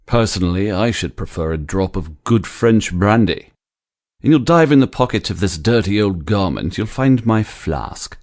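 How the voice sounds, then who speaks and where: Voicing a tired but good-natured English baronet for an audiobook, a woman drops to a very deep, slightly mellow register. The character sounds weak and exhausted, drawly, sleepy and affected, yet her delivery is animated at normal speed.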